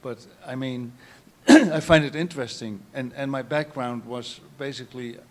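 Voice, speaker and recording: A man's voice: mid-range voice, moderate pace. Dutch-accented older man, rambling. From Netherlands. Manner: meandering, frequent restarts and throat clearing. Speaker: photographer, guest artist. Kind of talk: panel talk.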